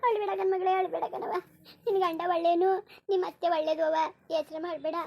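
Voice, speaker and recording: A woman's voice: very high voice, fairly even intonation, quick pace, creaky, dull audio. A woman voicing a tender, reassuring village mother in a cartoon, coaxing. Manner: soothing, coaxing, repeats endearments. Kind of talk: cartoon voice acting.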